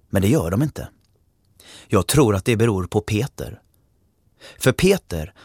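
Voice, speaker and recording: A man narrating a first-person story, calm and reflective. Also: fairly low pitch, dry recording, studio quality.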